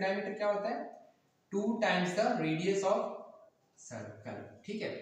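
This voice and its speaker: Guy teaching math at a board, high voice, super echoey room, mic way off, asks stuff then answers it. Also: far from the mic, slight background noise. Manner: asks the class questions and answers them himself; mixes English math terms into Hindi. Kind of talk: classroom lecture at a board. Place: classroom with a board.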